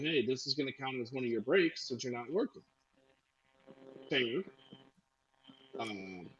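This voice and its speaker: A man's voice: mid-range voice, husky. A man co-hosting a casual talk radio stream, telling a workplace story at length. He rambles, stops and restarts, and leans on filler sounds. The audio is a little muffled. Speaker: podcast co-host.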